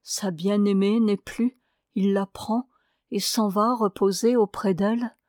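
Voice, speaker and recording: A woman reading a translated prose poem aloud as an audiobook, in a measured, solemn way. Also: mid-range voice, fairly even intonation, darkish tone, no echo, studio quality. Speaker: audiobook reader. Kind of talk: scripted narration of a prose poem.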